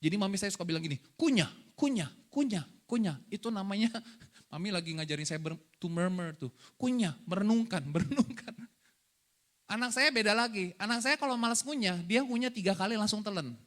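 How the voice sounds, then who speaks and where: Bright-voiced lively male preacher. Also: high voice, brisk. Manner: lively, jokey preaching that asks the congregation questions. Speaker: pastor. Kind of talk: sermon.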